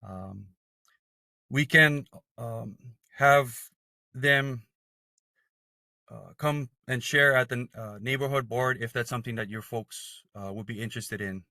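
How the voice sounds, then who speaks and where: Man dialing in on a glitchy video call, bright and dry, lots of ums while giving updates. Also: mid-range voice, slow pace, gravelly, long pauses, dry recording. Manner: reads updates with many fillers. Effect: voice over a video call, breaking up. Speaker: legislative office staffer. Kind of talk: giving updates at a community meeting.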